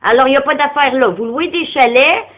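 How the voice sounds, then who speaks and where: A non-francophone woman whose first language isn't French speaks Quebec French on a phone call, confronting someone over animal welfare. Her high, fairly bright voice runs a little fast as she argues insistently and confrontationally, often cutting in.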